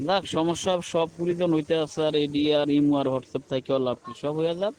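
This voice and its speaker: A man's voice: fairly high pitch, brisk, darkish tone. A middle-aged man, rambling and pleading in a personal voice message, repeating himself.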